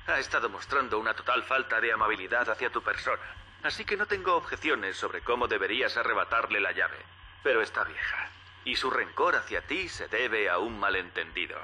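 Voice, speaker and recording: A man voicing a calm, persuasive male guide speaking over the radio in a game. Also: lowish voice, fairly quick, a little hiss or hum, low-quality recording.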